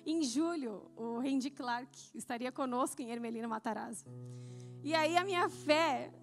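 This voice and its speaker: A woman with a Brazilian Portuguese accent giving a sermon testimony in a church service, telling her story in an animated way and acting out the dialogue. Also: high voice, moderate pace, soft background music. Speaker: church speaker.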